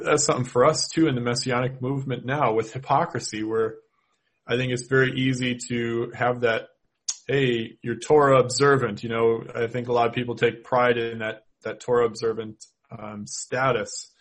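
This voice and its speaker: A man with a Minnesota accent speaks at an ordinary middle pitch. He works through his points slowly, pausing on fillers and restarting his sentences. It sounds like a relaxed podcast discussion. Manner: thoughtful, many fillers and restarts. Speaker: podcast co-host. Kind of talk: casual theological discussion.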